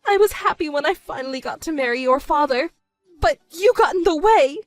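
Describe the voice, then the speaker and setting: A woman voicing a selfish, manipulative middle-aged stepmother with a shrill, wailing voice. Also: lively intonation, fairly quick, no room sound, soft background music. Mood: indignant. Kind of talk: dramatized story narration.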